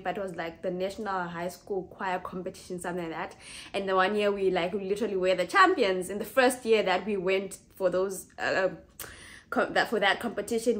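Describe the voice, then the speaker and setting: A woman in her twenties with a Zimbabwean accent, chatting casually to camera as a vlogger, talking in a relaxed way, laughing easily and correcting herself as she goes. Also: mid-range voice. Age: 20s.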